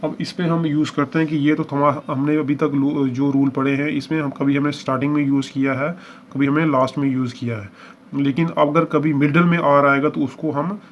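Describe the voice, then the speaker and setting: A man teaching a shorthand lesson, explaining each step patiently and repeating examples as he works through them. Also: on the high side. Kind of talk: lesson walkthrough. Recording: dull lo-fi recording with faint hiss.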